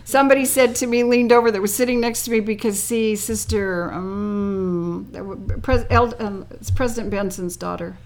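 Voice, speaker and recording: An older woman being interviewed, telling a personal story in a lively way, laughing often and acting out what others said. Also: medium pitch, normal speed, hardly any pauses.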